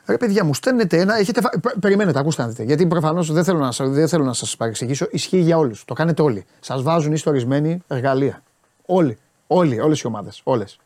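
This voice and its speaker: Animated Greek man scolding his chat. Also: on the high side. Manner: animated, emphatic, scolding viewers. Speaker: football pundit and streamer. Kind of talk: live-streamed football talk, answering chat.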